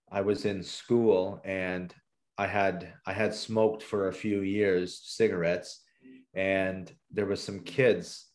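A man's voice: lowish voice, a little mellow. A man from southern Ontario, Canada, telling his personal testimony as a podcast guest in an earnest, reflective way.

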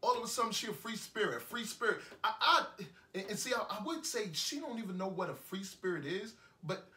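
A man's voice: sits high, animated, a little fast, sharp tone. A man playing a heartbroken man ranting, New York accent. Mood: heated. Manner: rambling, repeats himself, bitter and indignant. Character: heartbroken young man ranting after breakup. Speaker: lead actor in an indie film. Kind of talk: indie film monologue. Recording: echoey room, voice from a distance.

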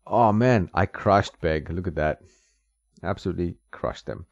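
In a dry, slightly dull recording with game music behind him and no echo, a man with a deep, gravelly voice speaks unhurriedly. He's a gaming channel host playing an old fighting game at home, chatting casually and laughing at the screen.

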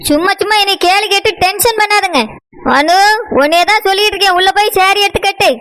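A woman's voice: very high voice, fairly even intonation, quick pace, fairly bright tone, low-quality recording. Woman voicing a bossy village cartoon mother. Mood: stern, bossy. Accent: Tirunelveli Tamil. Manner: bossy, scolding, insistent. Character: domineering middle-aged village mother, strict. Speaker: mother of Anu. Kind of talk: cartoon voice acting.

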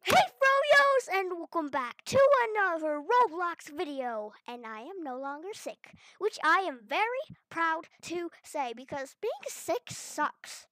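A woman's voice: sits high, unhurried, hardly any pauses, no room sound. Woman, gaming video host, playful commentary, talks to herself, dry close sound. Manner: chatty and excitable, talks to herself while exploring.

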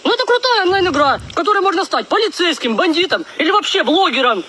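A man's voice: very high-pitched, lively intonation, fast talker, bright, forceful tone, slight background noise, heavily acted. A man voicing a cheeky, dim-witted young male recruit in a comedy skit, with silly, childish delivery. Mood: upbeat. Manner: silly, childish back-talk.

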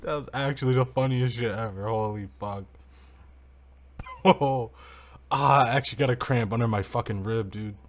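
A man's voice: medium pitch, moderate pace, pauses often. A man co-hosting a gambling stream, reacting to his partner and laughing a lot. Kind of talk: live-stream casual chat.

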